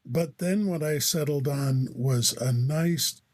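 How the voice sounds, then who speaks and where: An American man with a voice a little higher than most talks at a slow pace. He chats casually, measured and reflective as he goes. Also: darkish tone. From United States. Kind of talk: casual chat.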